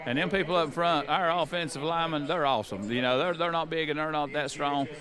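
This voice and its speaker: A man's voice: on the high side, fairly quick. A plain-spoken man, a football coach giving an on-field interview. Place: outdoors on football field sideline. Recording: crowd noise around sideline mic.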